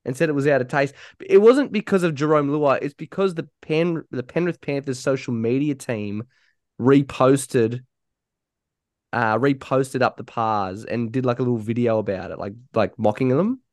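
A man's voice: medium pitch, normal speed, a little mellow, no echo. Australian male podcast host, dry close sound. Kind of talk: casual rugby league podcast chat.

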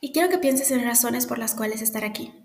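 A woman's voice: fairly high pitch, brisk. Earnest young woman, echoey room. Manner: heartfelt, confiding, gently earnest. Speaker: podcast host. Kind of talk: reflective solo podcast monologue.

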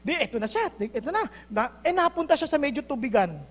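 A woman with a very high voice preaches to a congregation, switching between Tagalog and English. She tells her stories in a lively way and laughs often. Her voice echoes with a long reverb, as if she is in a large hall. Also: fast. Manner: mixes Tagalog and English, animated storytelling with laughs. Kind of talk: sermon with storytelling.

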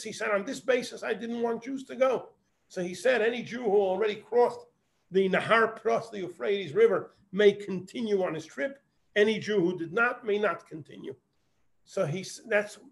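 Guy teaching torah class, high raspy voice, reads hebrew then translates. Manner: explains verse by verse, quoting Hebrew then translating. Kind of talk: text study lesson.

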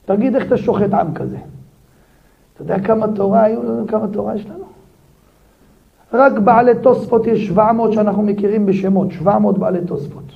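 A man, a rabbi, giving a daily Torah lesson in a lively way, firing rhetorical questions at his listeners. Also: high-pitched, vocal fry. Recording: dull lo-fi recording.

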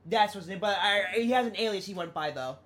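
A man's voice: high-pitched, lively intonation, fast talker, over a noisy crowd. A young man co-hosting a podcast in casual chat, rambling with ums as he thinks. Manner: chatty, fills gaps with ums. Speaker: podcast co-host.

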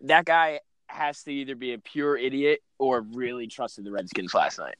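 A man's voice: mid-range voice, moderate pace, a bit bright, no room sound. A man from Philadelphia co-hosting a sports podcast, chatting casually.

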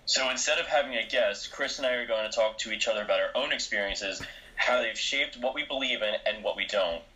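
A man's voice: fairly low pitch, sharp tone, muffled recording. A man from New Jersey co-hosting a podcast in casual chat, musing openly with plenty of hedges. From New Jersey, USA. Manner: quick, open-minded musing with hedges. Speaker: podcast co-host.

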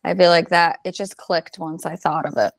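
Low-voiced chatty woman. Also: fairly even intonation, normal speed, no room sound. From Albanian heritage. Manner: chatty, laughs often, many fillers. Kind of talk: conversational interview.

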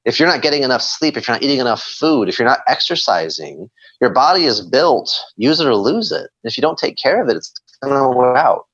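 A man being interviewed, telling animated stories and acting out his own inner dialogue. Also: medium pitch, fairly quick, husky, muffled recording. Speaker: guest. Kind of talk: conversational interview.

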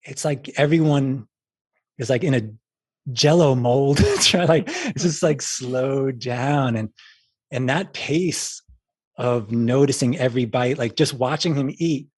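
A man with a husky, slightly breathy voice chats as a guest. He rambles and restarts his sentences, leaning on fillers. The sound is dry and close. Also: mid-range voice, unhurried, a little mellow, dry recording. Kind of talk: casual chat.

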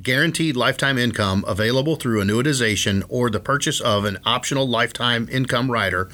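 A man reads a scripted legal disclaimer as an announcer, in a formal, measured, matter-of-fact manner. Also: mid-range voice, sharp tone.

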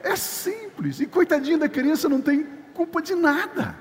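A man's voice: very high-pitched, moderate pace, big-room sound, a crowd in the background, background noise. An older man preaching a sermon as pastor, emphatic and repeating key words for stress. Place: church sanctuary.

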